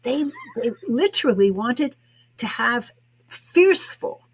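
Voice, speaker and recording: A woman's voice: on the high side, big pitch swings, slow, husky. A woman hosting a podcast interview, telling a workplace story thoughtfully and restarting phrases as she goes. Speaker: podcast host. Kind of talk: interview conversation.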